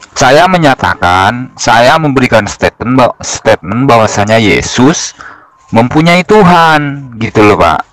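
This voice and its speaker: A man debating calmly over phone voice notes, asking plain questions in a measured way. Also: mid-range voice, slight background noise, rough recording. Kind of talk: voice-note debate.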